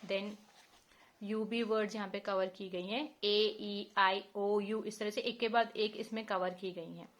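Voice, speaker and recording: A woman's voice: medium pitch, steady tone, measured pace. A woman in her thirties with an Indian accent, walking parents through a children's phonics book and spelling out letter sounds patiently. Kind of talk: teaching walkthrough.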